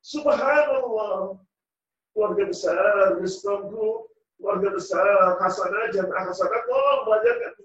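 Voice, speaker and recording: A man's voice: sits high, unhurried, fairly bright tone. A male preacher giving a sermon, telling a story dramatically and acting out its voices. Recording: distant, roomy, dull sound.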